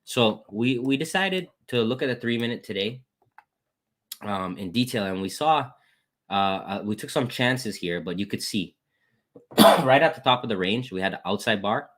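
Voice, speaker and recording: Lowish-voiced guy chatting through his trades on screen, laid back. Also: lively intonation, moderate pace, fairly bright tone, a little hiss or hum. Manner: casual, repeats "guys" and "boom", thanks chat members. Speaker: trading educator. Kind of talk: screen-share trade recap.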